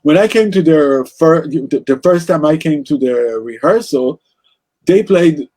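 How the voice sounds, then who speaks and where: A man's voice: on the high side, animated, a little slow, mellow. A man with an Israeli accent, speaking as an interview guest about music in a passionate, rambling way with many restarts. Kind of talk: casual interview conversation.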